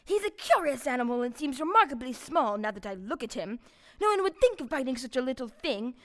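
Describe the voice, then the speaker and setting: Woman playing high-pitched, plaintive Cowardly Lion. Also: very animated, brisk, a bit bright. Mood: defensive, curious. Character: big cowardly lion, anxious, gloomy, self-pitying beast. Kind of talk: stage audio play acting.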